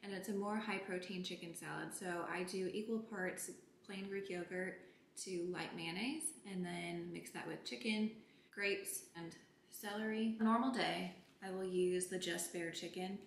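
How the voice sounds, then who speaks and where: Her voice is on the low side, a little slow and fairly even in intonation, captured in an echoey room with slight background noise. She's a lifestyle vlogger in her twenties, casually and brightly discussing products and meal prep from her parked car, then her kitchen at home.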